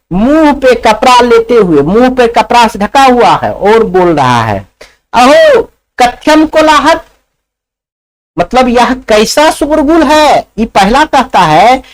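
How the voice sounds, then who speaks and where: Slow, high-voiced Bihari Hindi teacher. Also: male voice, fairly bright tone, poor audio. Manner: chuckling, playful storyteller addressing children. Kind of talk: storytelling lesson for school students.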